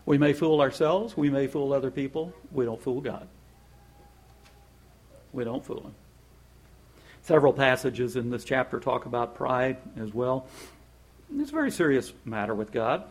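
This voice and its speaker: A man giving a conversational devotional Bible talk, reading scripture slowly and chatting in a folksy way with chuckles between points. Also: medium pitch, expressive. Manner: reads scripture slowly and deliberately. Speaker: Bible teacher.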